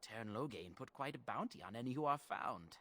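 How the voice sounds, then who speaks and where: An actor playing a sarcastic, condescending bandit leader who poses as a polite toll collector in a fantasy game. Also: male voice, mid-range voice, lively intonation, fairly quick, pushed and bright. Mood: smug, placating. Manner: mock-polite, dry, condescending. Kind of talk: fantasy video game acting.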